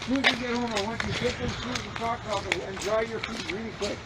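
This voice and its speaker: A man's voice: very high-pitched, fairly even intonation, fast. A man chatting casually outdoors in a practical, protective, slightly nagging way. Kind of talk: casual chat. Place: outdoors in a rainstorm. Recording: loud rain and traffic noise.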